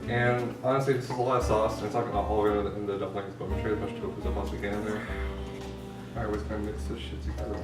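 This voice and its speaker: A man's voice: on the low side, little pitch movement, very fast. A man hosting a casual cooking video in a loose, giggly, tipsy ramble with offhand swearing. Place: indoor kitchen. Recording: echoey kitchen, far from mic, background music. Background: music, clattering pots and pans.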